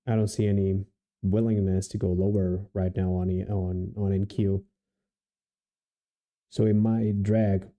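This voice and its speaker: A man from Portugal with a Portuguese accent, giving relaxed live commentary on his trading and thinking aloud with many restarts and fillers. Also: lowish voice, gravelly. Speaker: day trader streaming live.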